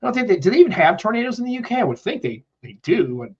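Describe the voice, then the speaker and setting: Rapid-fire and sing-song, the American co-host's slightly rough voice sits high as he rambles through a casual live stream with a cold. He reads chat messages aloud, and the recording is muffled.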